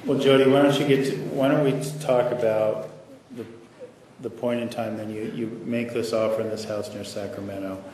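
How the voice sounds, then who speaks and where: A man questioning a witness as an attorney, asking measured, leading questions, in a courtroom recording. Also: medium pitch, fairly even intonation, darkish tone. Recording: echoey courtroom audio from far off.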